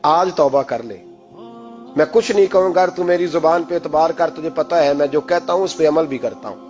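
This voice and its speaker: A man's voice: fairly high pitch, normal speed, soft background music, natural voice. A preacher voicing a stern male sultan who commands and scolds a corrupt judge in a told story. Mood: stern coaxing. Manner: commanding, builds to loud angry shouts.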